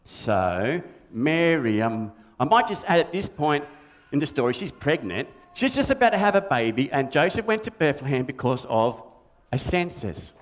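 A man gives life to Big Red, a toy-loving, cheeky kids' puppet with an Australian accent, during a church puppet show. The voice is a little high and very animated at normal speed. Silly, bouncy, and prone to confusion, the puppet sings and sounds cheekily baffled.

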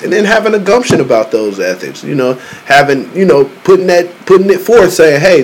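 A man's voice: mid-range voice, poor audio. A man chatting casually in slangy frat-bro style, peppering his talk with "bro" and "man" and repeating phrases for emphasis. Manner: repeats phrases for emphasis, heavy "you know what I'm saying". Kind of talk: casual chat among male friends. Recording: steady background noise.

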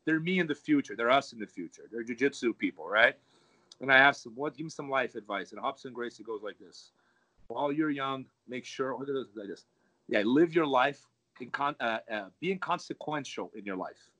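A man's voice: medium pitch, expressive, a little fast, sharp tone, low-quality recording. A jiu-jitsu coach talking in a casual chat, reflective and repeating words as he searches for them.

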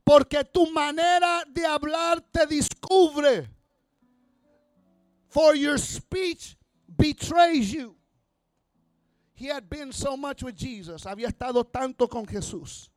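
High-pitched preacher guy, slow deliberate delivery, gets loud and fiery, dry sound. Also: dry recording, faint music behind. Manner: impassioned, builds to shouting. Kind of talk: bilingual sermon with interpretation.

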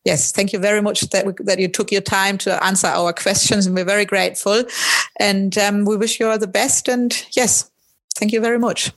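A woman's voice: medium pitch, fairly even intonation, moderate pace. A woman working as interviewer and interpreter, relaying answers informally and consecutively.

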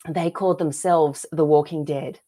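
A woman with an Australian accent and a low, mellow voice speaks at a normal speed with fairly even intonation. She is a podcast guest, an author and filmmaker, telling personal stories earnestly and emphatically in a conversational interview.

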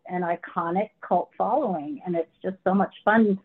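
A woman's voice: fairly low pitch, moderate pace, breathy edge. A woman, a former actress, reminiscing casually about a film she was in. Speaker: actress, guest. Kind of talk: casual interview. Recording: phone-like line.

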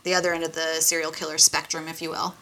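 A woman's voice: sits low, level tone, fast talker, sharp tone. A woman co-hosting a true-crime podcast, reading from notes in a chatty way with casual asides. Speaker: podcast co-host.

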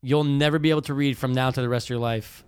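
A man's voice: mid-range voice, fairly even intonation, fast, clean tone. A man bantering casually as a podcast co-host, teasing, with slangy, sweary talk.

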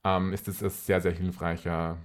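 A man's voice: low voice, little pitch movement, moderate pace. A man with an Austrian accent talking casually and personally as an interview guest, repeating phrases for emphasis.

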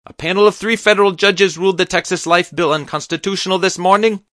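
A man doing a shrill, panicked foreign doctor. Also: animated, brisk, bright, forceful tone, dry recording, studio quality. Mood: frantic. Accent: foreign accent, unplaced. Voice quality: shrill, screaming.

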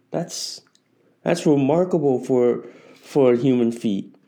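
In a mid-range voice that is warm and creaky, a man in his forties takes it slowly while hosting a casual solo podcast. He tends to ramble, repeat himself, and restart phrases.

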